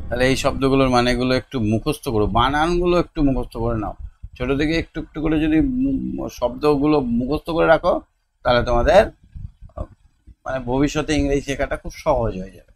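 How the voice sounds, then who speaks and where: A man's voice: mid-range voice, vocal fry, slight background noise. Patient man teaching young children. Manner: slow, patient counting and word-by-word pronunciation drills. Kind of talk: homework tutorial for young children.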